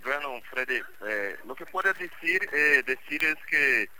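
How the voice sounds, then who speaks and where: A man's voice: on the high side, lively intonation, bright, forceful tone, a little hiss or hum, low-quality recording. A man with a Brazilian accent, a native Portuguese speaker, giving commentary as a guest journalist in a second language and searching for his words. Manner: halting, searching for words in non-native Spanish. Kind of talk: live radio interview commentary.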